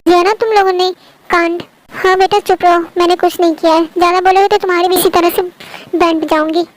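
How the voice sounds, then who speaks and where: A woman voicing a sharp-tongued, scheming young woman in a fan dub, with a snappy, mocking way of talking. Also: very high-pitched, flat delivery, fast talker, rough recording. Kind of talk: fan Hindi dub acting.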